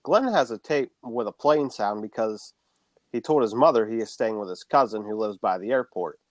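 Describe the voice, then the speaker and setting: A man's voice: lowish voice, moderate pace, dry recording. A man co-hosting a podcast, casually recapping a horror film plot and swearing freely.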